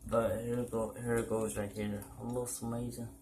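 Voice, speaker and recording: A man's voice: mid-range voice, level tone, moderate pace, noisy background. A man opening and chatting through a casual food vlog in a loose, joking way. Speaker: vlogger. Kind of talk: casual mukbang chat.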